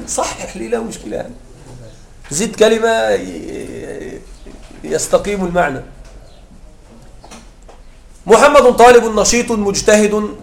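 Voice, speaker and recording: A man with a high-pitched voice and vocal fry delivers a grammar lecture, explaining through repeated examples and often asking his students if they follow. The classroom sound is echoey.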